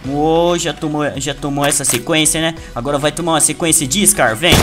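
Brazilian male gaming youtuber, boastful running commentary, slightly high voice, over loud game music. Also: fairly even intonation, a little fast. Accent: Brazilian Portuguese. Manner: playful, boastful, talks to viewers. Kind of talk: excited gameplay commentary. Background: loud game music and gunfire.

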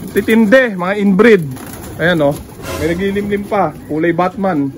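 A man vlogging casually as he walks through a pigeon loft, excited and joking, with frequent exclamations. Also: high voice, measured pace. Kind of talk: casual walkthrough vlog. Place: outdoor pigeon loft with birds around.

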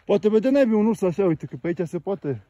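High, lively man joking on a hike. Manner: joking, playful banter. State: slightly out of breath. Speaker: vlogger. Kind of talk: casual hiking vlog. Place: outdoors on a canyon trail.

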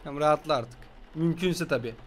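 A young man giving joking, casual let's-play commentary, scolding and teasing a game baby with rough slang. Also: a little high, brisk, background noise. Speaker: gaming streamer.

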